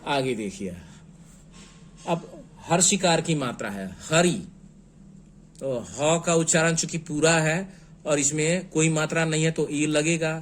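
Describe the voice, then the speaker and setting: A man teaching a spelling lesson, slow and patient, spelling words out letter by letter. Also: a little high, slight background noise. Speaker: English teacher.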